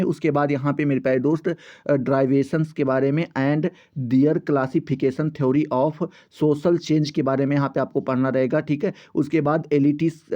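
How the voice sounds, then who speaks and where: A man's voice: medium pitch, mellow. A man teaching, going through a course syllabus point by point. He often stumbles and restarts on English terms and keeps repeating the same stock phrases. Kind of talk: syllabus walkthrough lesson. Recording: slightly dull lo-fi audio.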